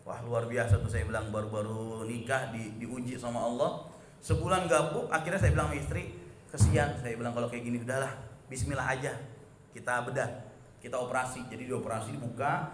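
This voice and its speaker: A man, preaching a relaxed dawn sermon in a mosque and often turning to his listeners. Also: mid-range voice, slight background noise. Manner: chatty, addresses listeners as "Pak" often. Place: mosque hall. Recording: echoey mosque hall.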